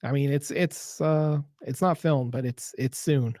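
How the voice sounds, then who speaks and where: A man's voice: medium pitch, a little slow, dark tone, dry recording, clean studio sound. A man of fifty hosting a casual livestream, rambling and self-deprecating, restarting his sentences often. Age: 50s. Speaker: livestream host.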